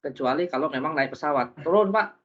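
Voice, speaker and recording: A man teaching a religious class, lively and joking, often putting questions to his listeners. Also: on the high side, fairly quick. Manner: lively, jokey, asks the audience questions. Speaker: preacher. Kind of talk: interactive religious lesson. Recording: dull lo-fi recording.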